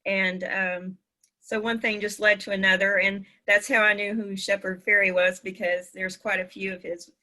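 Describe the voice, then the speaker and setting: A woman's voice: mid-range voice, little pitch movement, normal speed, pushed and bright. A woman student talking casually in an online class over a video call, chatty and loose.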